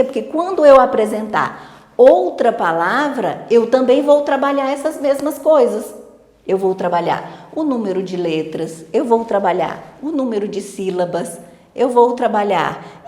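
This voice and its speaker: A woman's voice: a little high, darkish tone. A woman teacher explaining a literacy lesson patiently, step by step, checking in with her listeners. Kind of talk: online teacher-training lesson. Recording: echoey room with long reverb.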